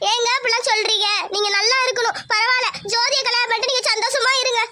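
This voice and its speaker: A performer voicing a spirited young village woman in a cartoon, sharp with a pest and tender with her lover. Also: extremely high pitch, level tone, quick pace, heavily acted. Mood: sorrowful. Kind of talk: cartoon voice acting.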